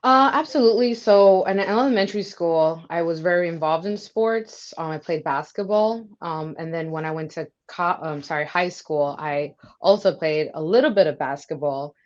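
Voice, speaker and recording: A woman's voice: lowish voice, normal speed, hardly any pauses, muffled recording. A young woman from New York, a military recruiter, answering interview questions in a friendly, chatty way with many fillers.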